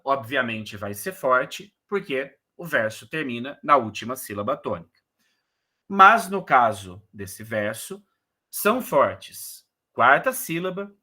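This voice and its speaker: A man giving a casual online lecture on verse rhythm, explaining in a relaxed way and counting syllables aloud. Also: a little high. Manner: casual explanatory, frequent "né" and "beleza". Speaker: poetry course instructor.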